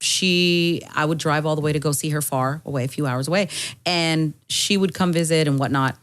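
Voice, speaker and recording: A woman with a very low voice speaks as a podcast guest in a casual chat. She is open and agreeable, telling her stories at length. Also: moderate pace, clear, resonant tone. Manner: open, agreeable, chatty storyteller.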